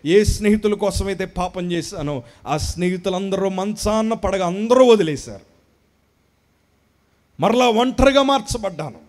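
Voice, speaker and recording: A man giving an emotional spoken testimony at a worship gathering, speaking into a handheld mic and swinging between hushed and loud. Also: high-pitched, measured pace. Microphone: handheld microphone.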